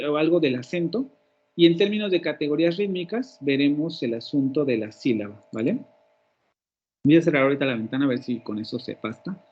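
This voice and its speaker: A man's voice: a little high, darkish tone. A man giving an online university lecture as a professor, explaining at length, repeating his examples aloud and checking in with the class. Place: indoor room with a window. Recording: dull lo-fi online class audio.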